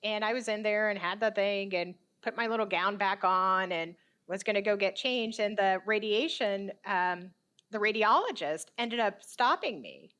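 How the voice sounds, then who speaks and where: A woman in her fifties, a podcast guest and therapist, telling her story in a casual, animated way, acting out the voices of the people she quotes and laughing often. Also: mid-range voice, moderate pace.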